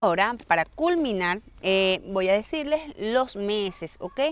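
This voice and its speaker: A woman with a medium-pitched voice gives a casual video lesson. She is a native Spanish speaker and explains things patiently and step by step. She keeps checking that her viewers follow along. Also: expressive, measured pace, clean tone. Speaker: language teacher.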